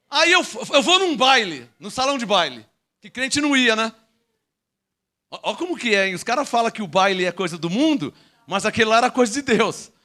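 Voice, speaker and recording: In his lively church sermon, the pastor, who has a Brazilian Portuguese accent, trades jokes with the congregation and then bursts into shouted proclamations. His voice is very high, his speed normal, and he takes long pauses.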